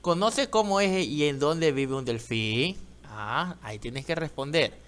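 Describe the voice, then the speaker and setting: A man with an Ecuadorian Spanish accent teaching young children to read, speaking slowly and patiently and sounding out words. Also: fairly high pitch, expressive, a bit bright, recorded from a distance. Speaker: primary school teacher. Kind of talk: online reading lesson for young children. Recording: echoey room, voice a little off-mic.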